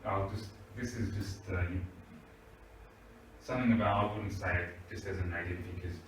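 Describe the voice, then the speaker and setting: A man teaches English grammar to a class in a low, steady voice at normal speed, patiently asking "right?" to make sure everyone keeps up. The mic sits far off in an echoey room, with slight background noise.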